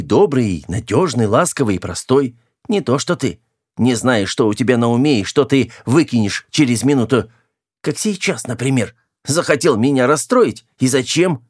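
A man's voice: medium pitch, expressive, moderate pace, breathy edge. A man doing a moody, bold young woman. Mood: coaxing. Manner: teasing, then sharp and scolding. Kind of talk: audiobook character voice.

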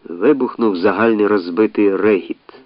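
A man reading a novel aloud in a measured, expressive narration. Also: on the low side, no echo, lo-fi sound. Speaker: audiobook narrator. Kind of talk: scripted narration.

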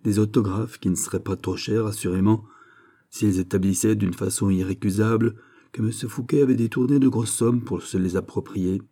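A haughty, scheming duchess, read by a man in an audiobook, teasing and bargaining with a cool edge. The voice underneath stays very dark and mellow, lifted only a little toward a lady's register. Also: lowish voice, steady tone, normal speed, natural voice. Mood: sly. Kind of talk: audiobook character reading.

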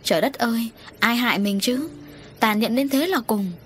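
A woman's voice: medium pitch, fast talker, slight background noise, lightly acted. A woman narrator voicing a hot-tempered middle-aged farm wife who scolds and panics. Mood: alarmed.

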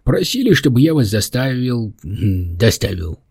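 A man voicing a small, mischievous male demon who talks in a high, squeaky, excitable way in an audiobook. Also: measured pace, creaky, husky, no room sound, clean studio sound, heavily acted. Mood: teasing.

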